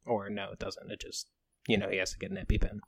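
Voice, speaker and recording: Gravelly-voiced joking podcast host. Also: male voice, lowish voice, very animated, no echo. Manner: joking, self-mocking, quick to laugh. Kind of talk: casual improv podcast chat.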